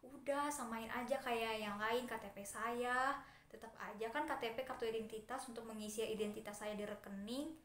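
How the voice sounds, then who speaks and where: A woman's voice: fairly high pitch, normal speed, a bit bright, natural voice. A woman playing an insistent, pleading mother from out of town as a bank customer in an amateur role-play. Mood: pleading, annoyed. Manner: complaining, pleading, informal. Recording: echoey room with background noise.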